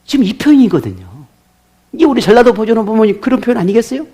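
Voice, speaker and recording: A man's voice: high-pitched, very animated, quick pace, mellow, breathy edge. A male pastor preaching a sermon, asking his congregation rhetorical questions.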